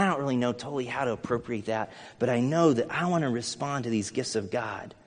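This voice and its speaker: Here a middle-aged American pastor delivers a sermon in an earnest, conversational way, blending Bible passages with anecdotes from his own life and storytelling asides. His voice sits at medium pitch with a slightly rough edge, and the sound carries long hall reverb.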